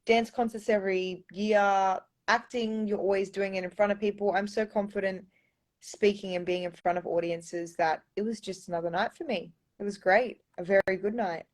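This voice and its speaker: A woman's voice: medium pitch, steady tone, normal speed. Young Australian woman, casual live Q&A into a phone, talkative and loose. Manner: chatty, reads viewer comments aloud, often says um and like. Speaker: pageant contestant answering fans.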